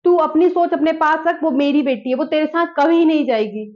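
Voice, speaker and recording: A woman playing a proud middle-aged foster mother in a drama skit, scolding in a reproachful, forceful way. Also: high-pitched, a little fast, lightly acted. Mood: defensive. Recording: dull lo-fi recording.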